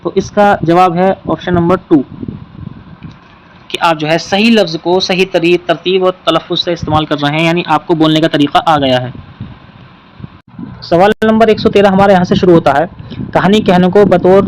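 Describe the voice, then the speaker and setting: High-voiced man teaching an exam-prep lesson. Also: fairly even intonation, a little hiss or hum, poor audio. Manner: explains patiently, repeats key points.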